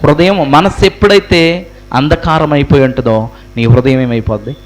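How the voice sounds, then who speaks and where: A man's voice: fairly high pitch, normal speed, poor audio. A pastor preaching a sermon to his congregation, firing rhetorical questions and repeating phrases for emphasis. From India.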